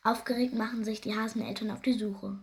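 A woman reading a children's story aloud in a gentle, expressive way. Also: fairly high pitch, fairly quick.

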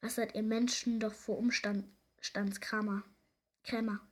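A woman voicing a tiny, impatient male imp who eats bad dreams, giggling and grumbling, shrill when excited. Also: measured pace, slight background noise, natural voice. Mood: impish.

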